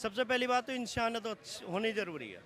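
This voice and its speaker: A man answering a street interviewer in a relaxed way, repeating again and again that nothing troubles him. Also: very high voice, fast. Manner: easygoing, insistently repeats that there is no problem.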